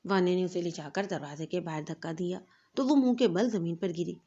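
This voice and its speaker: A woman narrating a romantic novel in an expressive storytelling voice. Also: lowish voice, lo-fi sound.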